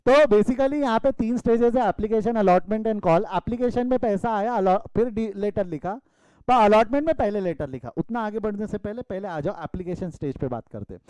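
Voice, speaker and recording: Bright-voiced man teaching online. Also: sits high, moderate pace, no room sound, rough recording. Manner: addresses students as beta, scolds playfully. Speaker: commerce teacher. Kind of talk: online class lecture. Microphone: video call.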